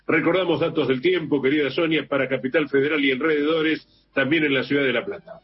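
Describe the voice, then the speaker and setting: A man with an Argentine accent hosting a morning radio news show, chatty and relaxed, often repeating and correcting himself. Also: a little high, fast, breathy edge. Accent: Argentine Spanish. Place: radio studio. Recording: slightly muffled radio broadcast with faint hiss.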